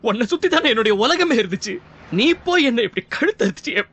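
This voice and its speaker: A man's voice: very high voice, sing-song, fast, fairly bright tone, highs cut off, heavily acted. An actor playing a heartbroken young man who accuses his former lover, pleading and repeating himself, with a Tamil accent, in a TV serial. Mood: anguished. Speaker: jilted lover confronting his ex. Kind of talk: TV serial acting.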